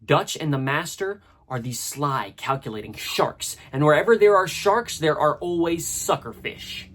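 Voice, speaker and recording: Husky man narrating a video essay. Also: a little high, animated, measured pace, a bit bright. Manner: conversational and analytical, with asides.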